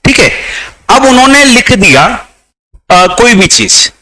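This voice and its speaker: A high, bright male voice with an Indian accent, lecturing at an unhurried, deliberate pace. He moves between Hindi and English and checks in with his students as he walks them through examples. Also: sing-song, slight background noise, rough recording. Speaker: teacher. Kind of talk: classroom lecture.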